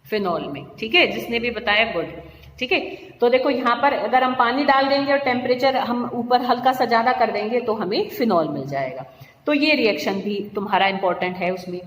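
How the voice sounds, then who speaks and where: A woman's voice: on the high side, expressive, a little fast, a bit bright. Teaching woman in an echoey room. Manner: explains step by step, checks in with frequent "okay" and "see, dear". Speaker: chemistry teacher. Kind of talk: classroom lecture. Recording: echoey room with long reverb, faint noise.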